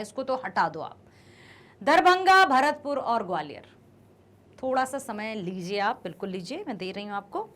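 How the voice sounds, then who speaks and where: A woman's voice: sits high, sharp tone. A woman teacher going through quiz questions with students, asking questions, praising their answers and stressing careful pronunciation. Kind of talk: Hindi quiz lesson for students.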